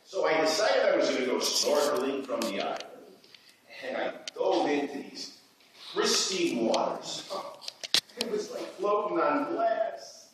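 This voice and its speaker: A man acting an excitable man telling a rambling story in a stage play rehearsal, recorded from afar in an echoey room. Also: fairly high pitch, unhurried. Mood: animated. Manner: animated, jumpy, emphatic storytelling. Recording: echoey room from far off, background noise.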